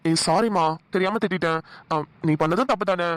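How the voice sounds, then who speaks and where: An actor voicing a bossy yet coaxing young cartoon husband, mid pitch, dry mic. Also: brisk, no echo, natural voice. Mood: pleading. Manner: scolding, then pleading and chuckling. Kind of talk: Tamil cartoon dialogue.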